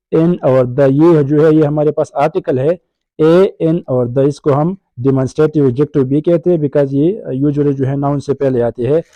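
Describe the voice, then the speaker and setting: A man's voice: fairly high pitch, mellow, dry recording, low-quality recording. A man giving a grammar lecture in a mix of Urdu and English, checking in with "right?" as he goes. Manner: explains in Urdu mixed with English, asks "right?" often. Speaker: grammar teacher. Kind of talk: recorded lecture.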